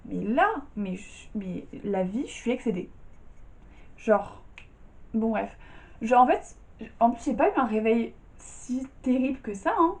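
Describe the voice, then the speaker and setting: Young female vlogger, slightly high, tired, rambling and slangy, at home. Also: a little slow. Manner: chatty, slangy, full of fillers. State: tired and just out of bed. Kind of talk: casual chat. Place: her bedroom at home.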